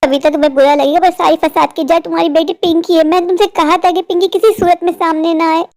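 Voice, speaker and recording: A woman's voice: extremely high pitch, fairly even intonation, darkish tone. Woman voicing a bossy cartoon matchmaker aunty. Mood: scolding. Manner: scolding, brisk. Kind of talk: cartoon storytelling.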